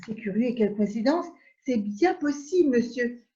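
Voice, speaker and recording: A woman playing a prim English lady in an absurdist stage scene, speaking in measured, repetitive exclamations of polite surprise over a video call. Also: fairly high pitch, lively intonation, warm tone, lightly acted. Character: prim English lady, mildly astonished, formal. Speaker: amateur actor. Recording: dull echoey room audio.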